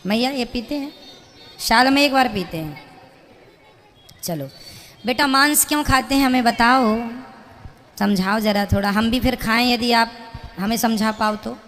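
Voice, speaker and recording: A woman's voice: a little high, a little slow, long pauses, fairly bright tone. A woman preacher lecturing a listener with pointed rhetorical questions, speaking plainly and morally. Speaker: spiritual preacher. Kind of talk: preaching to an audience member. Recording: long hall reverb.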